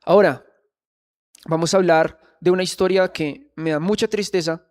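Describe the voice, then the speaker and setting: High-voiced man preaching. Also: steady tone, normal speed, a little mellow. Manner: earnest, asks the congregation questions. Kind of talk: church sermon. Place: church.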